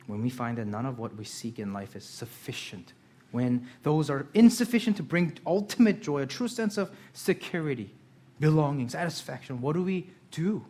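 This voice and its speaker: Earnest man preaching, higher voice. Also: sing-song, moderate pace. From South Korea. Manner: earnest, swinging between soft reflective lines and emphatic rising questions. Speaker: pastor. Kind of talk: sermon.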